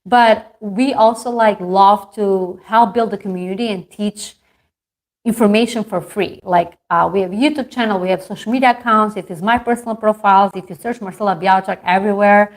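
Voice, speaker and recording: A woman's voice: mid-range voice, moderate pace. Direction: chatty woman in her thirties. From Albania. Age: 30s. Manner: chatty and earnest, many fillers. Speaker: marketing coach and company founder. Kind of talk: motivational talk to an online group.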